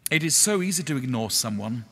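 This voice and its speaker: A middle-aged man preaching a sermon in a measured, earnest way, pausing slowly on key words. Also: mid-range voice, lively intonation, fairly bright tone, breathy edge. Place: church. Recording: echoey church hall.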